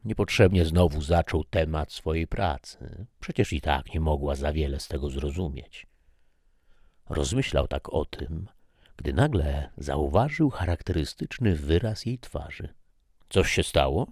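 A man's voice: extremely low pitch, unhurried, a little mellow, no echo, studio quality. A man reading a short story aloud as narrator, telling it expressively.

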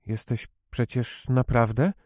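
A man reading the lines of a sickly, fretful young boy in a hushed, wary way. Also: mid-range voice, fairly even intonation, slow, no room sound, clean studio sound. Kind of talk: audiobook character reading.

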